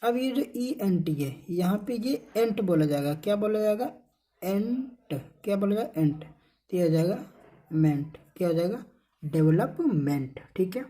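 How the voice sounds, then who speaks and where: A woman's voice: mid-range voice, animated, dark tone. A woman with a Hindi accent teaching an English phonics lesson, asking questions and answering them herself as she drills each word. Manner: repeats questions and answers, drills words slowly.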